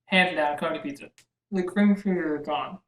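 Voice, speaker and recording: A man's voice: on the high side, normal speed, recorded from a distance. Young guy joking around in his kitchen, kinda echoey room, easygoing home vlog. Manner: playful, teasing banter. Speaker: vlog host. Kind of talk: casual cooking vlog chat.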